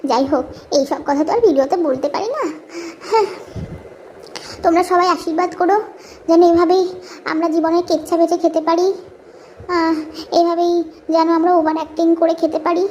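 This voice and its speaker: A woman playing a scheming, money-hungry vlogger mother with a hoarse voice, chattering brazenly to her viewers in a satirical live-stream parody. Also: very high voice, steady tone, moderate pace, long pauses, dark tone.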